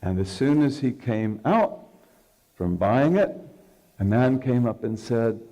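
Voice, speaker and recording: A man's voice: medium pitch, expressive, slow, warm tone. A man giving a religious lecture, telling stories and checking in with the audience with a conversational "okay". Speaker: Islamic scholar lecturing.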